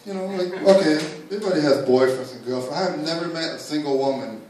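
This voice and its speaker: A man's voice: a little high, quick pace, darkish tone, a little hiss or hum. A man from New York doing a live stand-up set, rambling with lots of fillers and crude talk. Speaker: stand-up comedian. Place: comedy theatre stage. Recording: echoey room, from a distance.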